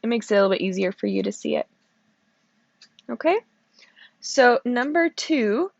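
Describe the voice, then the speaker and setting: A woman's voice: fairly high pitch, no echo, dull audio. A woman teacher walking through probability problems step by step, sleepy and checking in with "okay?" as she goes. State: sleepy, yawning. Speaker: math teacher. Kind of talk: recorded classroom lesson walkthrough.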